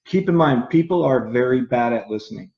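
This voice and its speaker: A Canadian man, an English teacher, explaining earnestly and slowly with examples in a casual interview. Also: medium pitch, lively intonation, darkish tone. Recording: roomy, dull sound.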